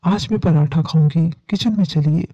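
Lady doing a scared teen girl, soft pleading, dry muffled recording. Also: deep voice, no echo. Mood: soothing. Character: frightened teenage girl, daughter.

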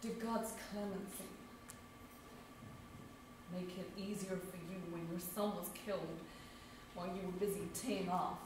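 An actress playing a grieving young woman who confesses her guilt with bitterness, speaking haltingly with faltering restarts in a live stage drama. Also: fairly low pitch, fairly even intonation, noisy background, close to an everyday voice. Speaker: stage actor playing Abby. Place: small theatre stage. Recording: echoey theatre from far off.

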